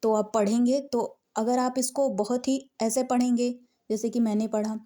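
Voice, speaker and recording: A woman teaching scripture recitation, patiently breaking verses into slow, word-by-word chanting. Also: on the high side, steady tone, dark tone, slight background noise.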